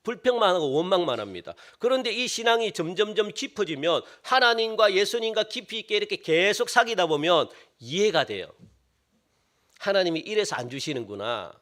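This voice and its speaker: A pastor preaching a sermon in a church, asking questions and answering them himself, repeating phrases and dropping to a hush on key words. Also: male voice, high voice, big pitch swings, a little fast, hardly any pauses. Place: church sanctuary.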